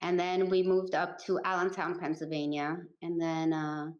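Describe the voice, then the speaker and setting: Speaking as an interview guest, this life coach in her forties answers questions plainly and casually; she is from Puerto Rico and grew up in the Northeastern US. She talks in a lowish monotone at a moderate pace, captured in a roomy, muffled recording.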